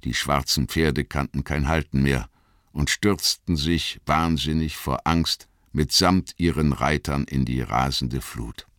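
Deep-voiced man reading a story dramatically. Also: a little slow, a bit bright, no echo, clean studio sound. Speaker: audiobook narrator. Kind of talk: scripted narration.

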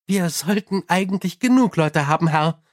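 A dutiful young police captain, read by a male narrator reports politely and efficiently. His voice sits a little high and stays earnest throughout. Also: expressive, moderate pace.

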